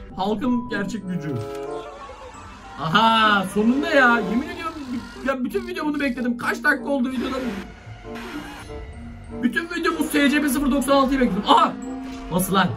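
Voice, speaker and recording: A man hosting a reaction video, commentating excitedly with slangy exclamations. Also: very high-pitched. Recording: distant mic with faint music.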